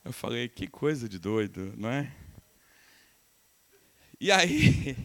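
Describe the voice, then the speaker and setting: A man's voice: mid-range voice, slow pace. A middle-aged man from Brazil preaching a sermon as pastor, telling stories and acting out the voices of the people in them. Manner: animated, acts out quoted voices, laughs with the congregation. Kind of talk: sermon with storytelling.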